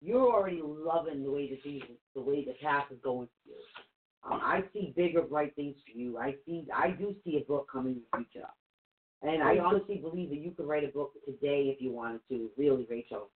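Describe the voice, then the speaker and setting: A woman's voice: low-pitched, fairly quick. A woman co-hosting an online talk show, gushing and encouraging toward a guest. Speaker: co-host, psychic reader. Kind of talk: casual talk show chat. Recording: tinny phone-like call audio.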